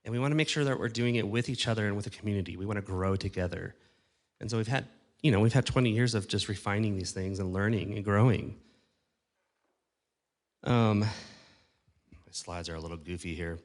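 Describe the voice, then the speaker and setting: A man's voice: lowish voice, a little fast, pauses often. A man speaking on stage at a conference about church production, talking casually to a live audience, checking in with questions and poking fun at himself, his voice a little worn. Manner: conversational, asks the audience questions, self-deprecating. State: losing his voice.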